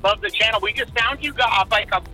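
A retired man heard through a speakerphone, his voice high and very bright and tense. He rambles casually in halting bursts, full of "uh"s, like a friendly caller chatting with a radio host. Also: breathy edge, soft background music. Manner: halting, filler-heavy, chatty. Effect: heard over a speakerphone line. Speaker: contest winner on a call-in. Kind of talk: casual phone chat.

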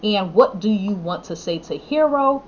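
A woman's voice: mid-range voice, expressive, moderate pace, dull audio, a little hiss or hum. A woman hosting a casual podcast, talking in an affirming, thankful way with loose fillers. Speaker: podcast host.

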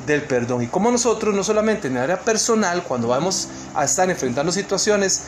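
A man's voice: sits high, expressive, fairly quick, slight background noise. A Costa Rican man giving an online seminar talk, earnest and emphatic, with many fillers and restarts. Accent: Costa Rican Spanish. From Costa Rica. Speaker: seminar speaker.

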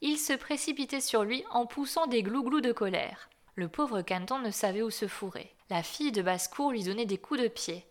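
A woman reading a fairy tale aloud in a clear, expressive storybook manner. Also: fairly high pitch, normal speed, hardly any pauses. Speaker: narrator.

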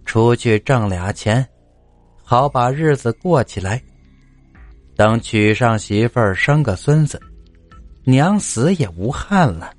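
A man voicing a doting, worried widowed mother near seventy who talks slowly and coaxingly in a told story. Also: medium pitch, animated, dry recording, soft background music. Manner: slow, pleading, coaxing.

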